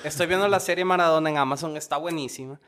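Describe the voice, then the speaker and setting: A man's voice: a little high, fast, a bit bright. A young man, chatting casually as a podcast co-host in a loose, rambling, slangy way with many restarts. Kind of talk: casual chat.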